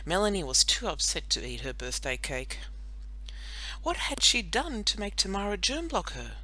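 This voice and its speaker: As an audiobook narrator, a woman reads a children's story in an expressive, playful and dramatic way. Her voice is on the low side, and the audio quality is poor.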